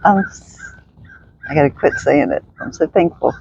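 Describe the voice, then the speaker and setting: This female instructor leads an outdoor stretching class in the sunshine, talking her way through every pose with a cheerful, chatty air, musing aloud and laughing a lot. She has a deep, gravelly, husky voice with a darkish tone, a moderate pace, and muffled highs.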